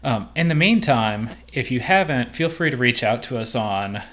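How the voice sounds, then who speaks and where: A man co-hosting a podcast, signing off in a relaxed, rambling way with some fillers. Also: mid-range voice, normal speed. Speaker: podcast co-host. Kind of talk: casual podcast sign-off.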